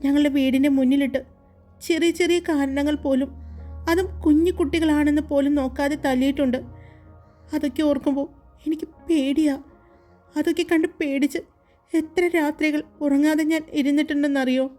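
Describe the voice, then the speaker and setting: A woman voicing a timid, gentle young woman in a soft, raised, pleading voice for a romance audiobook. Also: high-pitched, steady tone, normal speed, soft background music, close to an everyday voice. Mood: fearful.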